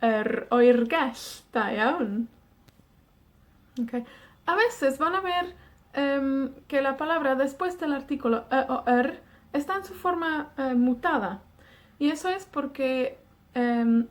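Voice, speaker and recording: A woman from Wales teaching a beginner language lesson, slow and patient, repeating each word twice. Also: sits high. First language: Welsh. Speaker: Welsh teacher.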